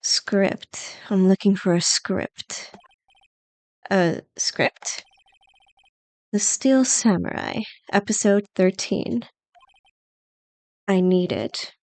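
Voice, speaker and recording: A woman voicing a cold, aloof female TV producer who talks low and curtly. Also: drawn-out words, long pauses, a little mellow, no room sound. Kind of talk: fan voicing of a game.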